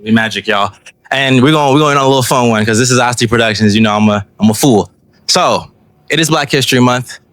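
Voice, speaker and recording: Speaking fast in a fairly bright, medium-pitched voice with no room sound, a Los Angeles man hosts an on-location podcast outdoors at a film festival. He interviews filmmakers in a playful, hyped-up, slang-heavy style.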